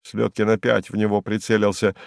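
A man reading a classic story aloud in steady, measured audiobook narration. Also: fairly low pitch, creaky, no echo, studio quality.

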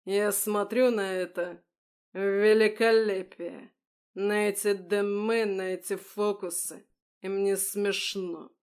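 A woman voicing a drunk, bullying male official who rants and shouts in a grating, hoarse voice. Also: mid-range voice, level tone, slow, lightly acted. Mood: mocking. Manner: shouting, ranting, breaking into shrieks.

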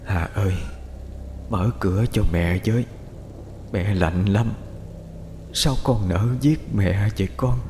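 A man's voice: on the low side, slow, long pauses, background noise. A man voicing the whispering, vengeful ghost of an old grandmother in a spoken horror story. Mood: cold reproach. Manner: cold, whispering.

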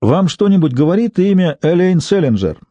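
A man's voice: sits high, sing-song, moderate pace, warm tone, no echo, lo-fi sound, pitched above the performer's own voice. A man voicing a businesslike male detective calling in an audiobook, matter-of-fact and briefing.

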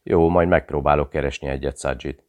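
A man voicing a meek, simple-minded male peasant gardener in an audiobook, speaking slowly and sadly. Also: rumbling low, fairly even intonation. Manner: slow, sad, simple-minded.

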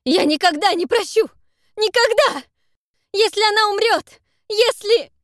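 A desperate young husband shrieks and begs in a high, strained voice, loud and pushed toward the top of the range, as a woman reading the audiobook puts him on. The reading is dry and close, with no room sound. He is frantic throughout. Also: very animated, a little slow, creaky, no room sound, full character voice. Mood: frantic shouting. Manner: screaming, pleading. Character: desperate young man, shouting hysterically for his wife.

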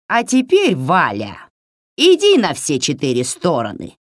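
A woman voicing a mocking, cunning old witch in a storybook reading, with a shrill, jeering manner. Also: huge pitch swings, measured pace, no echo, studio quality, full character voice.

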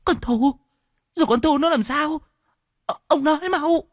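A man voicing an elderly country wife who is loving and fretful, shrill and quick to wail. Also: big pitch swings, breathy edge, no room sound, clean studio sound, exaggerated voice. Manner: shrill, rising to wailing cries.

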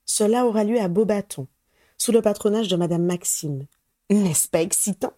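A woman's voice: mid-range voice, moderate pace, mellow, dry recording, clean studio sound, close to an everyday voice. A woman reading the lines of a courteous, enthusiastic male ministry official in a storybook. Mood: eager. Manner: polite and enthusiastic.

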